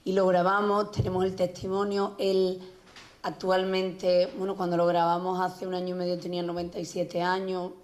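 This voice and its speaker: A woman journalist giving a conference talk, speaking with many pauses and restarts. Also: on the low side, monotone, darkish tone. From Spain. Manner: hesitant, many restarts and fillers. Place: public conference hall.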